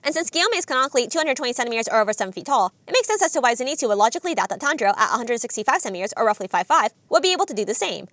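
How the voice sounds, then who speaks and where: A woman's voice: on the high side, big pitch swings, very fast, few pauses, a bit bright, dry recording. A woman narrating a scripted video essay in an analytical, enthusiastic way.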